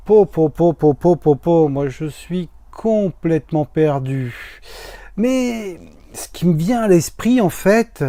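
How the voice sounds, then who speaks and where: Man, slow-talking, warm dark tone, exasperated, bewildered, comic rant. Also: fairly high pitch, dry recording, clean studio sound. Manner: exasperated, bewildered, theatrical sighs.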